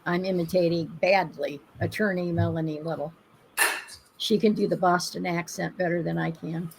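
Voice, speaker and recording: Woman, trial commentator, sarcastic asides, snarky commentary, noisy low-quality stream. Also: steady tone, moderate pace, creaky.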